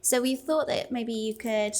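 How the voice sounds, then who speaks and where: A woman's voice: fairly high pitch, a little slow, darkish tone. A woman hosting an interview podcast, bubbly, reassuring and chatty with her guest. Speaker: podcast host. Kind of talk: casual interview chat.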